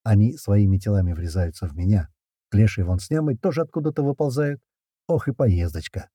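A man reading an action story aloud in the first person, with brisk, slangy narration and shouted lines for the characters. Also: on the low side, animated, breathy edge, no room sound, clean studio sound. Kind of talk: audiobook narration with character voices.

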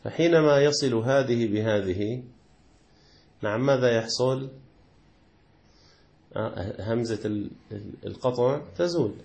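A man teaches a classical jurisprudence lesson, his mid-pitched voice carrying a rough, gravelly edge. He explains patiently, repeating key words and posing questions that he answers himself. Now and then he slowly chants the words of the call to prayer. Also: a little mellow. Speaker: sheikh teaching Hanafi jurisprudence.

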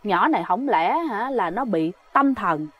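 A woman voicing a worried woman who argues fast with a close friend. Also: mid-range voice, lively intonation, no room sound, dull audio. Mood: worried musing. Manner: exasperated, talking fast.

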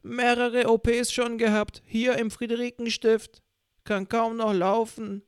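Plaintive, high-pitched frail old woman, voiced by a man for an audio story; chatty and self-pitying. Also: flat delivery, unhurried, smooth, dry recording, studio quality. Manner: whiny, plaintive.

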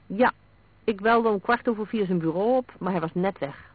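A dutiful sergeant reports plainly and reassures his chief, as a male reader voices him. The voice is high and narrowed like a phone line. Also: normal speed, slightly rough, no echo. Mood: reassuring. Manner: reassuring, matter-of-fact.

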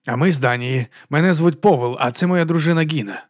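Chatty, cheerful male tourist voiced by an audiobook reader, raised pitch, dry close sound. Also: brisk, no echo, close to an everyday voice. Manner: cheerful, talkative, chuckling. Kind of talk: audiobook character voice.

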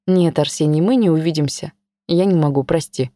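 A woman voicing a tired, listless mother who speaks flatly and quietly. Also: low-pitched, a little fast, no room sound, clean studio sound, natural voice. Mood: weary. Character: weary, listless mother in crisis.

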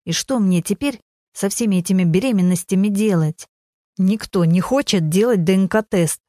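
A woman's voice: mid-range voice, normal speed, no echo, clean studio sound, close to an everyday voice. A woman voicing a blunt, defensive young man pestering his ex-wife in an audiobook drama. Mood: sulky. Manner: pleading then shouting, defensive.

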